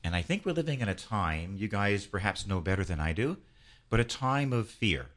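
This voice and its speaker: A man's voice: fairly low pitch, sing-song, moderate pace, fairly bright tone. A man, a priest, hosting an interview, leading a prayer and speaking with fervent, preaching emphasis. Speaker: priest and host.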